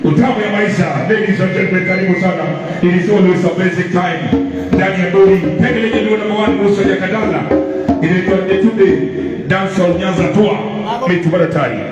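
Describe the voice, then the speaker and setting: A man, an MC chanting hype calls during a live sound check, his voice coming through loud PA speakers. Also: high voice, steady tone, fast talker. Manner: chanting, call-and-response hype. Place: live music venue. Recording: echoey hall from far off, loud music.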